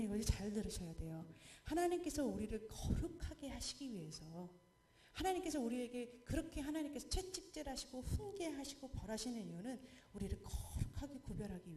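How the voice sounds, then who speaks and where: A woman missionary preaching a sermon, lively, asking the congregation questions and acting out quoted pleas. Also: fairly high pitch, reverberant. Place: church.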